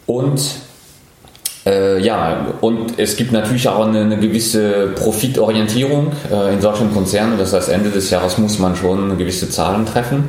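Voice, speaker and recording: A man in his forties from France, speaking German with a French accent, answering interview questions as a startup founder with thoughtful pauses. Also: lowish voice, darkish tone, heavy reverb. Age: 40s. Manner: thoughtful, many pauses and fillers.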